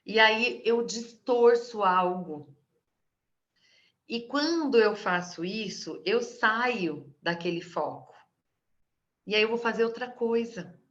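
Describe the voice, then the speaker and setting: A woman's voice: fairly high pitch, animated, slow pace, a bit bright. A middle-aged Brazilian woman coaching on sales, talking conversationally and often asking her audience questions. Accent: Brazilian Portuguese. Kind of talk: live coaching talk to an audience. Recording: slightly dull lo-fi audio.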